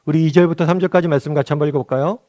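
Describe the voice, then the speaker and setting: A pastor in a dry room, talking conversationally. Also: male voice, on the high side, fairly even intonation, warm tone, no echo. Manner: conversational, asks the listeners questions and answers them; slows down to act out quoted lines. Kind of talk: morning devotional sermon.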